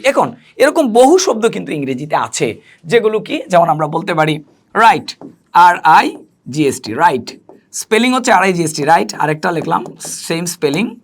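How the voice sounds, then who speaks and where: A man teaching a spoken English lesson. He explains slowly, spells words out and answers his own questions. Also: high-pitched.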